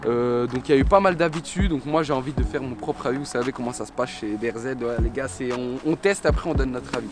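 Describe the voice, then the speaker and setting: A man's voice: medium pitch, quick pace. A man vlogging casually in French street slang, addressing viewers as mates while presenting a product. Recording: music behind the voice.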